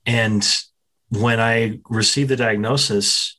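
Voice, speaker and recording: A man's voice: fairly low pitch, slow pace, low-quality recording. Easygoing man hosting an interview. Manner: relaxed, easygoing, supportive interjections. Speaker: interview host. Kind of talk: conversational interview.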